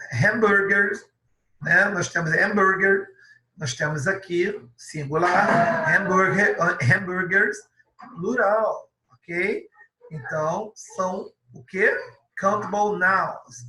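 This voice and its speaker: A man's voice: high-pitched, pushed and bright, roomy sound, rough recording. A Brazilian man teaching English vocabulary, who repeats each word and then translates it into Portuguese. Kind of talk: language lesson for Portuguese speakers.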